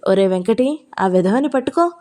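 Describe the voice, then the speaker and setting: A woman voicing a proud, sharp-tongued old grandmother who scolds in heated outbursts, in a Telugu audio novel. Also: medium pitch, animated, moderate pace, lightly acted. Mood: scolding.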